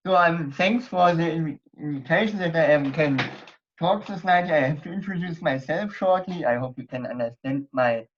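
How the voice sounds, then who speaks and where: A young German man with a slightly high voice speaks English with a German accent at normal speed, presenting at a society members night. His casual online talk with slides is hesitant, packed with fillers and restarts. The computer mic on a video call gives dull lo-fi audio with slight background noise.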